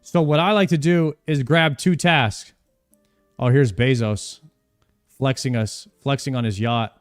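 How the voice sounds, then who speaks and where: A man's voice: mid-range voice, a little slow, dry recording, clean studio sound, soft background music. A young man streaming a game, chatting casually and joking as he plays, often repeating himself mid-sentence. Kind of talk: casual live-stream commentary while playing.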